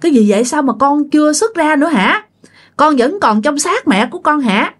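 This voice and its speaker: A woman's voice: high-pitched, expressive, normal speed, voice pushed up. A woman voicing a bold elderly grandmother who pleads politely with a spirit. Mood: pleading.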